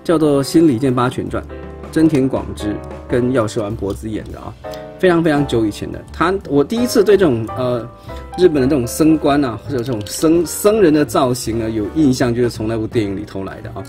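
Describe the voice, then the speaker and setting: A man's voice: medium pitch, expressive, brisk, over music. A man, chatting casually while he shows step by step how a toy is put together, often stumbling and repeating words as he handles parts at an indoor tabletop. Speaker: toy reviewer. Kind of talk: casual unboxing demonstration.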